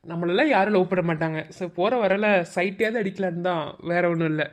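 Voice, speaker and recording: A man's voice: high voice, fast, lightly acted. Voice actor doing a sulky college guy. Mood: scornful. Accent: Madurai Tamil. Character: grumbling young male college student.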